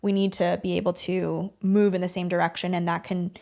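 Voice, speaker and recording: A woman co-hosting a podcast in casual chat, animated and teasing, with many likes and ums. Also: on the low side, vocal fry. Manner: animated, teasing, fast filler-heavy talk. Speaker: podcast co-host.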